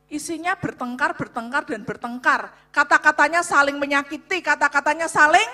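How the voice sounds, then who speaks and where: A woman delivers a sermon on marriage in a high, bright voice. She speaks loudly and with emphasis, repeatedly addressing the listeners directly. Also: normal speed. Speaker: co-speaker at a church revival on marriage. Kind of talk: sermon-style talk to a congregation.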